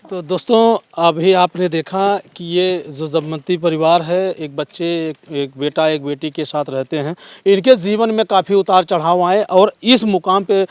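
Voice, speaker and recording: A male reporter with an eastern Uttar Pradesh Hindi accent who interviews in a measured, encouraging and moralizing way. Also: high voice, steady tone, clear, resonant tone, dry recording. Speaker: local news reporter interviewing. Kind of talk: interview with advice to viewers.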